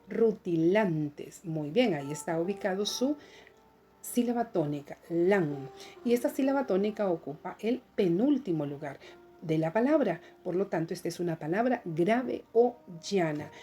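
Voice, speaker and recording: A woman teacher giving a recorded lesson, explaining step by step in a slow, patient way and speaking to students at home. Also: fairly low pitch, mellow.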